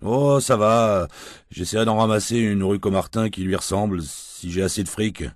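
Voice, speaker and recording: A man's voice: fairly low pitch, normal speed, no echo, studio quality, voice pushed up, lightly acted. A man reading the part of a tipsy, crude, washed-up gigolo who rambles in coarse slang and whines. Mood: sneering. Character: washed-up male gigolo, crude, drunk, self-pitying.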